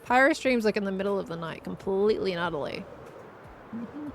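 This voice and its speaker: A woman chatting casually to her live stream while playing a game, with a deadpan, monotone delivery. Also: medium pitch, brisk, soft background music.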